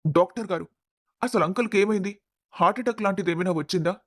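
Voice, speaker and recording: A man voicing a caring young man in a storybook, calming a crying friend. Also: sits high, fast talker, no room sound, clean studio sound. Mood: worried. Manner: calm, reassuring. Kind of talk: storybook voice acting.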